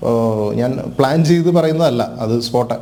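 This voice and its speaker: A man's voice: mid-range voice, normal speed. A man from Kerala, a mimicry artist, talking casually and agreeing eagerly in a TV interview. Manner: relaxed, affirming, eager to agree.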